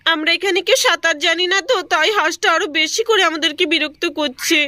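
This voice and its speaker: A woman doing an eager cartoon little girl, very high, excited and pleading, bright tone. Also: fast, dry recording.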